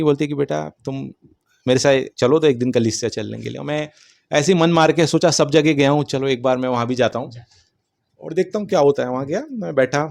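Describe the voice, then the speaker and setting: Quick, gravelly man telling his testimony. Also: a little high. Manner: animated, acts out dialogue. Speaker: testimony speaker. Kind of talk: personal testimony storytelling.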